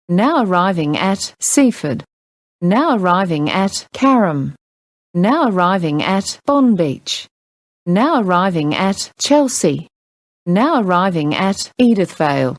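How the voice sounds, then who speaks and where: A woman reading scripted onboard train announcements in a measured, formal public-address manner. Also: mid-range voice, no room sound.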